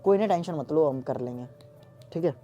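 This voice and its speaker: Mellow young man, consoling and repetitive. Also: on the high side, animated, a little fast, highs cut off, soft background music. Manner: pleading and consoling, repeats himself. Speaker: vlogger. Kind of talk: casual prank vlog chat.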